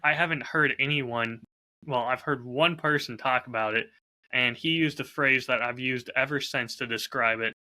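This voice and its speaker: A man hosting a laid-back podcast, himself an audio drama creator, talks at normal speed. His crisp, very bright voice sits at a middling pitch as he candidly reflects, unfolding ideas like someone used to telling stories.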